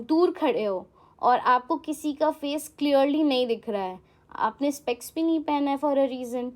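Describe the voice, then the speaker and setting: A young woman with an Indian English accent teaching an exam-prep vocabulary lesson, rattling off explanations and then slowing down to read definitions and example sentences. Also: sits high.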